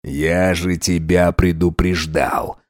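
A man reading an audiobook voices a jealous, menacing man who is a wolf shapeshifter, speaking slowly and growling threats. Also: deep voice, fairly even intonation, voice pushed down.

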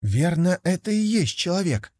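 A naive, hot-headed young tiger , as a man puts him on speaks in a high, lively voice. He swoops about as he exclaims and asks. The sound is close and dry. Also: moderate pace, no echo. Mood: wondering.

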